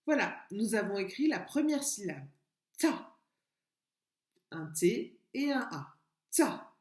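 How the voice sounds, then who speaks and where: A woman kindergarten teacher giving a remote literacy lesson to young children, slowly and patiently sounding out letters and syllables. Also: mid-range voice, big pitch swings, darkish tone. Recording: echoey room.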